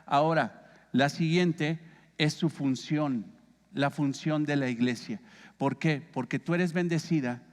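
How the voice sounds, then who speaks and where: In a big-sounding room, a man with a Mexican Spanish accent leads a Bible study as pastor, his voice a little high and his pace measured. He keeps it conversational, putting questions to the congregation.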